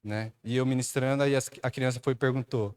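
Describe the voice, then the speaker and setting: A man with a Brazilian Portuguese accent telling a church testimony, animated storytelling with frequent tag questions. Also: brisk, clean tone. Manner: animated storyteller, acts out quotes with rising pitch; addresses a listener by name and tags lines with "né". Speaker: church speaker giving testimony.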